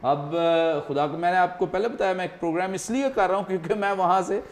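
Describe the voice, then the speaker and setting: A man's voice: high voice, steady tone. A man hosting a studio talk show, explaining earnestly and often using fillers. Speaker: host.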